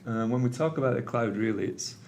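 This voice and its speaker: A middle-aged Englishman with a Manchester accent gives a conversational technical presentation at a conference, addressing a meeting room audience with frequent ums and uhs. His voice is medium-pitched and darkish, a little fast, with slight background noise.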